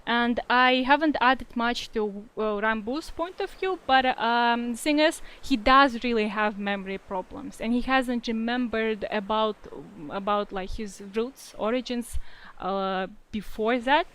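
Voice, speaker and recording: A young woman with a Russian-influenced accent, a fanfiction writer, answers reader questions during a casual livestream. Her voice is a little high, bright and clean, and she speaks unhurriedly but hesitantly, with many fillers and restarts as she reads comments aloud. The recording quality is low.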